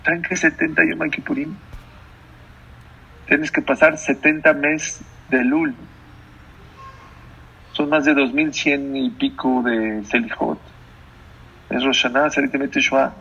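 A man's voice: medium pitch, fairly even intonation, unhurried, gravelly, long pauses, sharp tone, husky. A man giving a sermon as a rabbi, emphatic, repeating phrases and putting questions to his listeners, on a dull lo-fi recording. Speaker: rabbi, religious teacher.

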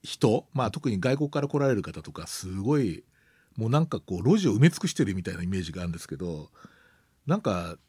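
A middle-aged man hosts a relaxed talk, speaking fast and breaking often into laughter. His voice rises and falls freely and has a husky edge, set in a dry, close sound. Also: lowish voice, no echo. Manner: lively, laughs often, many fillers. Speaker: host. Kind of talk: casual conversational interview. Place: Tokyo.

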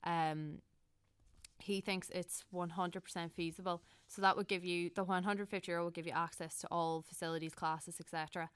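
Clear-voiced young Donegal Irish woman. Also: fairly low pitch, steady tone, normal speed, no room sound, clean studio sound. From County Donegal, Ireland. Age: young adult. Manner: earnest, conversational, often self-correcting. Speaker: student election candidate. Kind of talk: informal interview answers.

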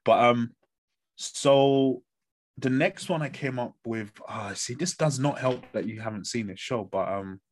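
A man with a London roadman accent chatting casually as a podcast host, using lots of slang and swearing as he tells stories in an animated way. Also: mid-range voice, a little slow, slight background noise. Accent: London, urban street slang. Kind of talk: casual banter about TV shows.

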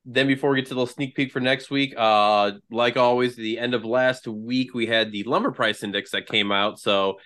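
A man's voice: medium pitch, fairly even intonation, moderate pace, hardly any pauses, fairly bright tone. A man sharing trade news as a podcast guest, chatty and rambling, with lots of fillers and restarts. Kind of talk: casual podcast chat.

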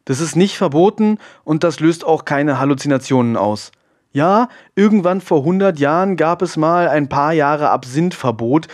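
A man's voice: on the high side, a little mellow, pitched above the performer's own voice, lightly acted. A man voicing a blunt, matter-of-fact young woman who is into witchcraft.

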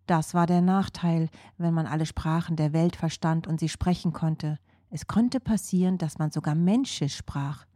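A woman narrating a children's audio story in a soft, expressive way. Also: fairly low pitch, slightly rough. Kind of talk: scripted narration.

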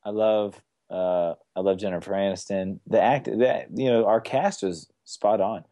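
A man's voice: lowish voice, a little slow, dark tone, no echo. A man co-hosting a casual movie podcast, laid-back and agreeable, heard over a lo-fi remote line. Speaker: podcast co-host.

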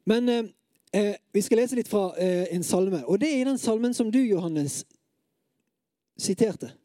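A preacher giving a sermon who talks straight to the listeners with hesitant fillers, then reads scripture with dramatic, at times loud and pleading intensity. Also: medium pitch, lively intonation, dry recording, studio quality. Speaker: preacher at a worship gathering.

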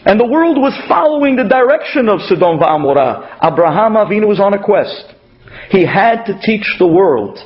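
A man with a Brooklyn accent giving a religious sermon with stories, speaking emphatically and repeating key phrases. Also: high-pitched. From Brooklyn, New York. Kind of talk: sermon with storytelling. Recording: dull, muffled lo-fi audio.

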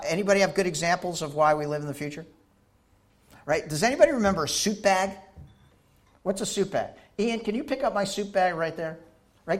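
A man gives a lively talk at a conference, his voice sitting a touch high. He jokes with the crowd and keeps checking in with the audience as he goes. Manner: animated, keeps asking the audience "right?"; jokey, banters with the crowd. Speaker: conference speaker.

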